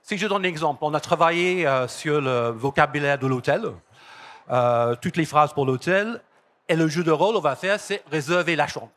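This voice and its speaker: This conference speaker from London, England, talks at a normal speed in an English accent, his pitch a bit elevated and his manner lively. English isn't his native tongue, and in the conference hall he hammers key phrases through repetition.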